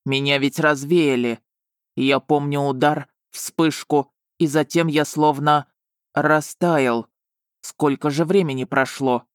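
A woman voicing a big, gruff male dog familiar who growls and blusters. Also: low-pitched, fairly even intonation, slow pace, dry recording, studio quality, voice pushed down. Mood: dazed.

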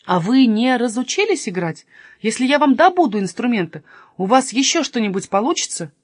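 An eager, easily amazed town barber who gets carried away, as a woman reading a storybook puts him on. His voice jumps high and loud with lively swings. The reading is close and dry. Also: brisk, no echo. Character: excitable small-town male barber.

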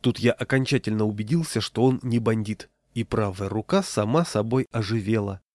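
A man's voice: on the low side, moderate pace, a little mellow, no echo. A man narrating a humorous first-person story in a wry storytelling manner, close to the mic. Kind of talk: storytelling reading.

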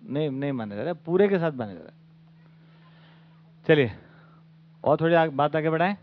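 A man's voice: on the high side, expressive, moderate pace. Man lecturing over a tinny line. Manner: conversational, asks the audience rhetorical questions. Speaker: teacher leading a study camp. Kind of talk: informal lecture to an audience. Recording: phone-like lo-fi recording.

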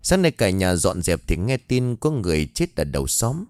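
A man narrating a scripted horror story in a dramatic, expressive telling. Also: deep voice, normal speed, no echo, clean studio sound.

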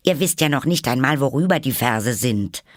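A man's voice: mid-range voice, expressive, normal speed, no room sound, studio quality, voice pushed up, lightly acted. A man voicing a young girl who answers firmly and contradicts the court. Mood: indignant. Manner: firm and contradicting. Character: bold, indignant young girl Alice.

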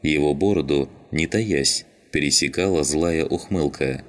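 A man narrating an audiobook in an even, measured way. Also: extremely low pitch.

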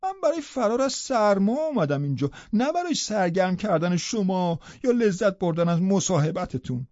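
A man's voice: high voice, sing-song, a little mellow, dry recording, highs cut off. A man voicing a proud, scornful young woman in an audiobook, speaking bitterly and cuttingly. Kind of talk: audiobook character voice.

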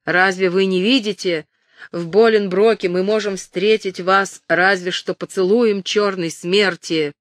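A man's voice: sits high, steady tone, measured pace, dry recording, clean studio sound. A woman voicing a grim male castle guard who calls down bleakly from a window. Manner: shouting down, bleak.

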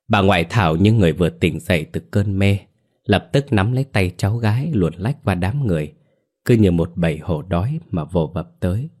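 A man narrating a dramatic story in a steady, measured reading. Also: deep voice. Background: faint music.

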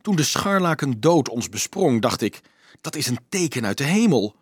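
A man voicing a frightened, guilt-ridden grown man who pleads anxiously, his voice rising high in a storybook reading. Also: big pitch swings, normal speed, husky, no echo, clean studio sound. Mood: confessing.

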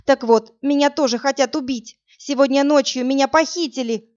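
A woman's voice: high voice, fairly even intonation, moderate pace, darkish tone, pitched above the performer's own voice, lightly acted. A woman voicing a desperate young woman on the phone, tearful and pleading, then screaming in anger, in a slightly muffled recording.

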